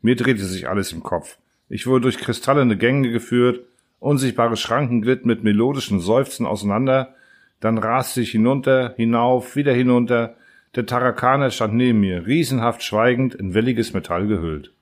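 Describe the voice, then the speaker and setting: A man reading a first-person story aloud as an audiobook narrator, in a measured storytelling manner. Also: mid-range voice. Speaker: audiobook reader. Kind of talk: scripted narration.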